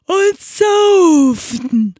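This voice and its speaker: A woman voicing a loud, simple male ox who wants to drink and sleep in a storybook fable. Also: very high-pitched, very animated, no echo, studio quality, pitched above the performer's own voice, exaggerated voice. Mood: boozy. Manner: loud, drawn-out bellowing.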